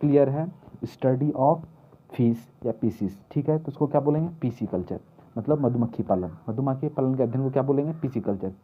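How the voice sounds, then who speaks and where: In tinny, phone-quality audio, a man with a mid-range voice speaks at a normal pace while teaching memory tricks for an exam. He repeats the important words again and again and answers his own questions.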